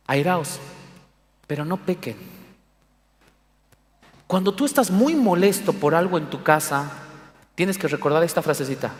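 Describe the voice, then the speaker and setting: A man preaching a sermon as pastor, animated, asking the congregation rhetorical questions and breaking into sudden loud bursts. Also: on the high side. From Bolivia. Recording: echoey church hall reverb.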